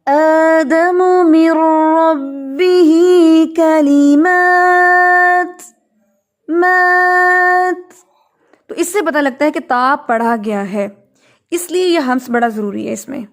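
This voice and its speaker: Woman, tajweed teacher, high voice, patient and encouraging, chants example verses. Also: lively intonation. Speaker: Quran recitation teacher. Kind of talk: online tajweed lesson, correcting students.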